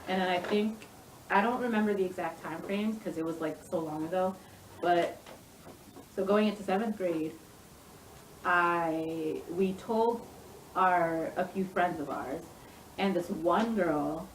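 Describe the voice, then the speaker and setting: A woman's voice: lowish voice, unhurried, a little hiss or hum. A young woman vlogger chatting casually and frankly, swearing now and then. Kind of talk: casual mukbang chat. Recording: roomy echo, far from mic, music behind.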